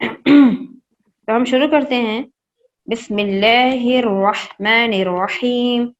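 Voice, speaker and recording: Woman Quran teacher; slow and patient, repeats each sound for kids; muffled lo-fi online call. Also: mid-range voice. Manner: patient, repeats and spells out sounds slowly, asks the children questions. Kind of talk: online class teaching Quran recitation to children. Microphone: online class, own mic.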